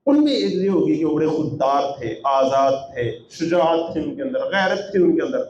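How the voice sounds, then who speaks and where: A man with a fairly high voice teaches from scripture, reciting verses and then explaining them with rhetorical questions. The room is echoey, with faint noise underneath. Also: expressive, darkish tone, muffled recording. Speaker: Quran translator and teacher. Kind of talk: Quran translation with commentary.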